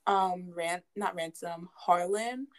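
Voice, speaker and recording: A young adult woman in a casual chat about a movie. She is animated and stumbles over her words when excited. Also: on the low side, slow.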